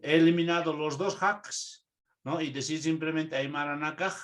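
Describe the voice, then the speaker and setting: A man's voice: a little high, fairly even intonation, moderate pace. A man from Peru teaching a translation class, explaining points step by step and often checking in with his students. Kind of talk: online class lecture.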